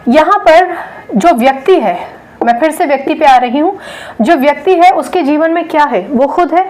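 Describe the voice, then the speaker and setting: A woman teacher with a high-pitched, expressive, slightly mellow voice delivers a classroom lecture at a moderate pace. She explains things and often checks in with students by saying "theek hai." The recording is rough.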